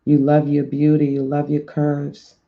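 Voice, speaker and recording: A man giving a slow, encouraging spiritual tarot reading to his viewers, repeating affirming phrases, on a dull lo-fi recording. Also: a little high, completely flat delivery, gravelly. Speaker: spiritual life coach and tarot reader.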